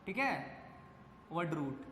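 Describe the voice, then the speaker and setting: A man with a fairly high voice runs a classroom lecture, calling out questions and answering them for his students. His voice rings through a big hall with a long echo. Faint room noise sits behind him. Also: very animated, takes it slowly, pushed and bright. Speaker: chemistry teacher. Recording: echoey classroom with faint ambience.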